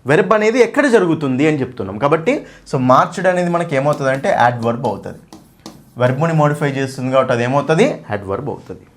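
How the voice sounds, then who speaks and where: A man's voice: medium pitch, expressive, rapid-fire. A man teaching an English grammar class for exam preparation, asking questions and answering them himself. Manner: asks questions and answers them himself, frequent "okay?" and "right?"; addresses students fondly as "nanna". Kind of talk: exam-prep grammar lesson.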